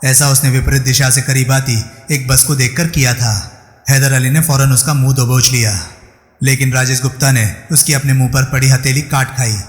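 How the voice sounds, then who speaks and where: A man narrating a crime thriller audiobook in a steady storytelling manner. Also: mid-range voice, moderate pace. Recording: echoey room with long reverb.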